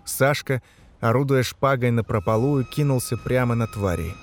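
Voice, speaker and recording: A man reading a dark fantasy novel aloud as narrator, shouting the characters' lines in the battle scenes. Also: mid-range voice, moderate pace. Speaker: audiobook narrator. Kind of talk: scripted narration.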